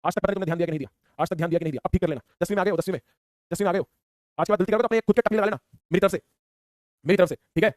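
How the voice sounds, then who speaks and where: A high-voiced man rattling through a class at top speed, teasing students with "है ना" after almost every line. He sounds like a teacher talking close to the mic in a dry room with no echo. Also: very fast, a little mellow. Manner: teasing, playful, repetitive tag questions. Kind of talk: fast online class lecture.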